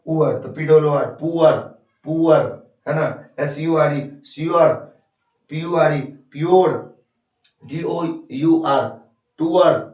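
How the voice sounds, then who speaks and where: A man's voice: on the high side, darkish tone. A man teaching English sounds in a classroom lesson, drilling words and asking and answering his own questions. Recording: echoey room, mic far off.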